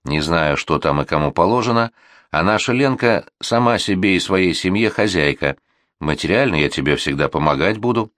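Audiobook: tired, firm middle-aged dad, read by a man, a bit raised from a low voice, dry close sound. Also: animated, normal speed, a bit bright, dry recording. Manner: reasoning, tired insistence. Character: exasperated middle-aged father, patient but firm. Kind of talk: audiobook reading.

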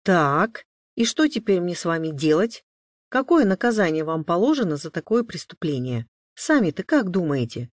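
A man's voice: sits high, sing-song, normal speed, no echo. A man playing a stern, dry-humored father. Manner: stern, mock-threatening. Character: stern but kind father, grown man.

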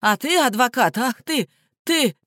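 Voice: medium pitch, moderate pace, a bit bright, no room sound, clean studio sound, natural voice. A reader voicing a scrawny male petty thief in custody, who rants and shrieks at his lawyer. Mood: hysterical. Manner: shrieking, ranting.

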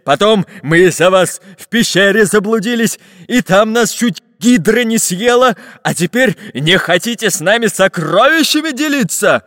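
A man voicing a fat, potbellied, greedy pirate captain with a gruff, barking manner. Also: high-pitched, big pitch swings, takes it slowly, hardly any pauses, pushed and bright, dry recording, studio quality, voice pushed up, full character voice. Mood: angry.

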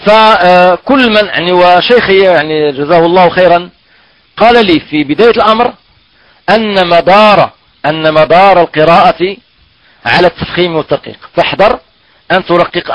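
A man teaching Quran recitation in a halting way, often stretching out syllables slowly to demonstrate how they are pronounced. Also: sits high, fairly bright tone, dry recording, poor audio. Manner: halting, repeats and drags out sounds to demonstrate pronunciation. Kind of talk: recorded online tajweed lesson.

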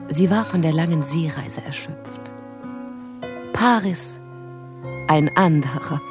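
An actress with a deep female voice performs a haunted young prophetess in a radio play. She narrates in the first person, her intense delivery sinking into whispers.

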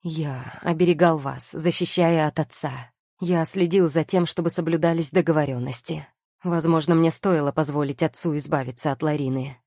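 A woman's voice: sits low, steady tone, moderate pace, warm tone, no room sound, studio quality. A woman reading the lines of a scheming, mocking male nobleman in an audiobook, in a coolly sneering, self-justifying manner.

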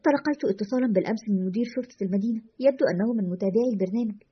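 A woman's voice: mid-range voice, very fast, breathy edge, muffled recording. A woman voicing a stubborn, defiant male radio host who is weary of his work, in a storybook reading.

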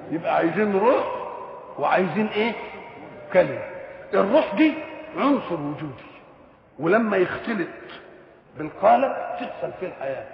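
Older egyptian sheikh preaching fast, gravelly high voice, long hall echo. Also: male voice. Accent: Egyptian Arabic. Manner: rhetorical questions answered himself, drawn-out Quran recitation. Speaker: Islamic scholar giving Quran commentary. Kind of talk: colloquial Egyptian sermon. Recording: dull echoey hall recording with faint hiss.

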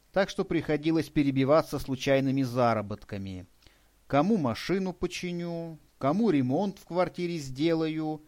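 A man narrating an audiobook in a steady, even storytelling read. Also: medium pitch. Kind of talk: scripted narration.

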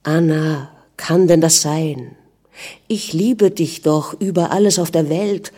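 Woman reading as a young prince, anxious then gentle, low-ish breathy voice. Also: fairly even intonation, takes it slowly. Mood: tender. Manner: anxious, calling out, then soothing. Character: worried, loving young prince, a husband.

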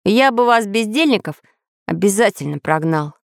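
A woman's voice: medium pitch, lively intonation, moderate pace, gravelly, no echo, studio quality, voice pushed up. A woman voicing a stern, scolding inventor man who captains a flying ship.

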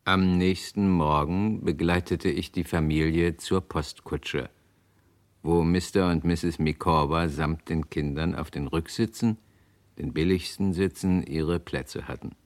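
Deep, slow male radio narrator. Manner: measured, calm storytelling. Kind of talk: scripted radio drama narration.

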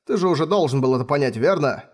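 A man voicing a stubborn, wounded field marshal, exasperated and shouting in an audiobook. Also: fairly high pitch, animated, quick pace, slightly rough. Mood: commanding.

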